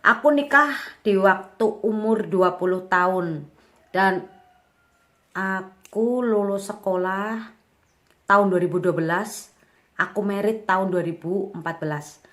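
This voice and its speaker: A young woman in her twenties talks straight to the camera as a vlogger. She tells her own story in a candid, relaxed way, with plenty of casual fillers. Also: mid-range voice, a little slow, long pauses. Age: 20s. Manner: chatty, candid, lots of fillers.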